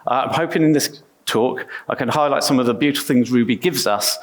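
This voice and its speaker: A man's voice: medium pitch, brisk. A middle-aged English man giving a conference talk on stage, chatty and self-deprecating, with frequent restarts. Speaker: conference speaker.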